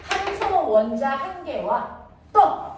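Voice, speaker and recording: A woman teaching a middle school science class, playfully asking quick check questions and drawing answers from her students. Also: high voice, lively intonation, music in the background. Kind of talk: classroom lesson with call-and-response questions. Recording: echoey room, distant mic, background noise.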